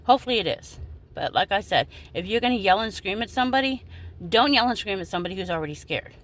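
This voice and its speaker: A woman's voice: mid-range voice, expressive, fast talker, a bit bright. Upset woman venting to her followers. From United States. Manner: upset, indignant, with some cursing. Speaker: vlogger.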